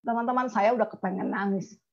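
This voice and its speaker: A woman insurance agent tells an emotional personal story and acts out the dialogue as she goes. Her voice is husky with a gravelly edge. The recording sounds dull and lo-fi. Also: a little high, steady tone, fast. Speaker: insurance agent giving a talk.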